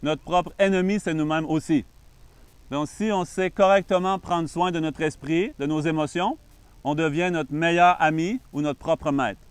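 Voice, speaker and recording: Here a Canadian man, a Buddhist monk with a Québécois French accent, gives an introductory meditation talk that is calm, patient and marked by frequent pauses. The voice is on the high side, clear and resonant, in a dry recording.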